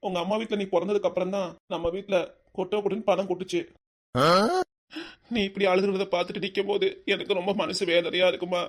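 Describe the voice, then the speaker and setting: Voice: medium pitch, level tone, quick pace, natural voice. A voice actor playing a caring older village father in a cartoon family drama, soothing and coaxing in manner. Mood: tender.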